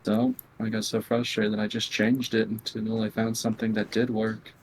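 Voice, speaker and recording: Male gamer guest, monotone and blunt, candid halting answers. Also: lowish voice, a little hiss or hum, rough recording. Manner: quiet, near whispering at times. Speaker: interview guest, competitive gamer. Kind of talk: candid conversational interview.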